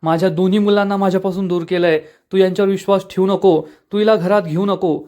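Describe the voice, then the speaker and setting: A man voicing a furious, superstitious middle-aged mother in a dramatic serial recap, with rushed, accusing lines. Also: high voice, steady tone, warm tone, voice pushed up, lightly acted. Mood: angry, accusing.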